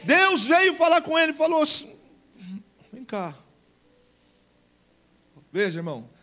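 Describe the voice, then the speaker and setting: High-voiced Brazilian preacher, emphatic. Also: male voice, a bit bright, slight background noise. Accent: Brazilian Portuguese. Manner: emphatic, colloquial, calls on the congregation. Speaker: pastor. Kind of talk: Pentecostal sermon.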